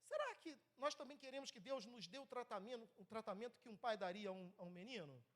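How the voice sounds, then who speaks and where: A man's voice: very high-pitched, fast talker. A man in his thirties with a Brazilian Portuguese accent, preaching a sermon in a church, conversational and often checking in with the congregation. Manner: lively, swings between loud and soft.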